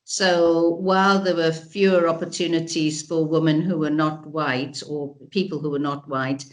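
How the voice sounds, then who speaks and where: A middle-aged woman from South Africa, a researcher giving an interview, reflective and hesitant with many restarts. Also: low voice. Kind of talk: recorded interview.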